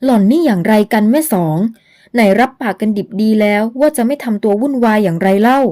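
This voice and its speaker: A woman's voice: a little high, lively intonation, fast, dark tone, natural voice. A woman voicing a young nobleman in an audio novel, curt, scolding and impatient.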